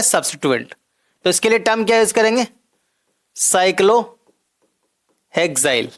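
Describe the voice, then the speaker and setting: In a recorded lecture, a male chemistry teacher with a strikingly high voice develops each idea step by step, repeating key terms and often checking that students are keeping up. His tone is fairly bright.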